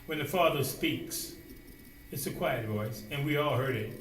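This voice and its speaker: A man preaching a sermon, asking rhetorical questions and dropping suddenly to a quiet voice. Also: mid-range voice, a little slow, distant mic, slight background noise. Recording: roomy echo, voice away from the mic, faint ambience.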